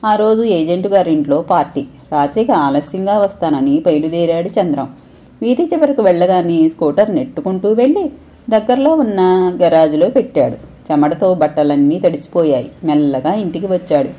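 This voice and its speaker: A woman storyteller narrating an audio story in a steady, expressive reading. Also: fairly low pitch, moderate pace.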